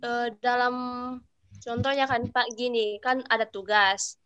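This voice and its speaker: A woman's voice: fairly high pitch, fairly even intonation, unhurried, fairly bright tone, muffled recording, slight background noise. A woman student asking a hesitant question on an online class call, her audio glitching and cutting out over a weak signal. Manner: hesitant, with many fillers. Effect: choppy, glitching audio that keeps cutting out. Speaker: university student. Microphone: video call.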